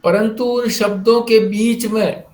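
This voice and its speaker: A man's voice: high-pitched, fairly even intonation, a little mellow, reverberant. A man teaching a spiritual discourse, explaining step by step with rhetorical questions. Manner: explanatory, rhetorical questions, slow deliberate phrasing.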